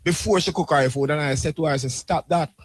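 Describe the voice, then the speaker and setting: Higher-voiced Jamaican man, rasta speech. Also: fast talker, slightly rough, no room sound, clean studio sound. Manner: rasta speech, with devotional greetings and repeated tags.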